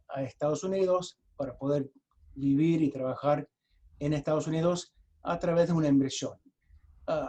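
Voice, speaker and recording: Over a video call, an American man who is a native English speaker presents in a fairly high yet mellow voice, explaining things step by step as a lawyer would. He speaks haltingly, frequently repeating words and restarting sentences.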